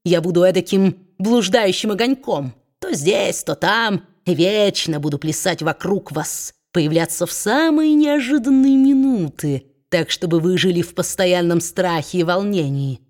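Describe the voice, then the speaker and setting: A woman's voice: lowish voice, lively intonation, a little slow, hardly any pauses, darkish tone. Woman voicing a sneering bullying male dwarf. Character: spiteful mocking male dwarf, domineering.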